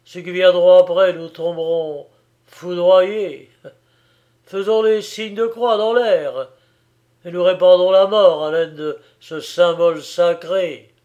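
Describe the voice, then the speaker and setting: A man reading an audiobook, voicing a furious young man who lashes out in loud, raging outbursts. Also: fairly high pitch, steady tone, slow, few pauses, highs cut off.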